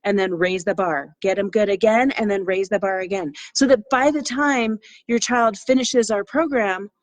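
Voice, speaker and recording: A woman's voice: mid-range voice, normal speed, no echo. A middle-aged woman who owns a martial arts studio, telling stories in a casual, enthusiastic interview and acting out the people she quotes. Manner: enthusiastic, acts out quotes in a lively voice.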